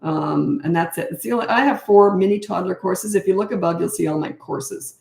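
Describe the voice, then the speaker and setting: On a relaxed livestream, this middle-aged parenting coach gives blunt, practical guidance peppered with chatty asides, her voice getting a bit hoarse. Her pitch is fairly low, her tone darkish, and she talks a little fast in a roomy-sounding space.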